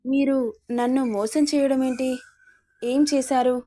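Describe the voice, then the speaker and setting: A woman's voice: high-pitched, steady tone, measured pace, mellow. A woman reading an anxious young wife. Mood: worried. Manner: worried, questioning.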